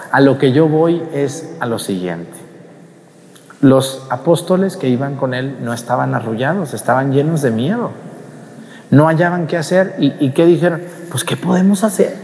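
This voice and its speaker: A man's voice: mid-range voice, darkish tone. A man preaching a homily, talking conversationally, questioning the congregation and acting out scenes. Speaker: priest. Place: church. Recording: long church reverb.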